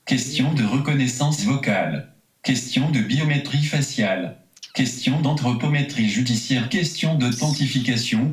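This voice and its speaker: A man voicing a cold male surveillance robot that interrogates in a curt robot voice and mispronounces words. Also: mid-range voice. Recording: roomy, distant recording.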